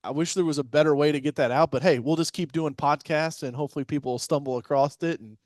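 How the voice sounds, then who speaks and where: A man's voice: on the high side, steady tone, quick pace, darkish tone, no echo. A man hosting a business podcast, talking in a loose, chatty way with lots of fillers. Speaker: podcast host. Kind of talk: casual interview chat.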